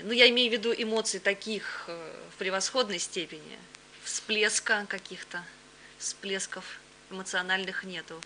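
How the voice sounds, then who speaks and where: A woman's voice: medium pitch, pushed and bright. A woman hosting a live broadcast, commentating and asking questions in a conversational way. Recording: clear hum and background noise.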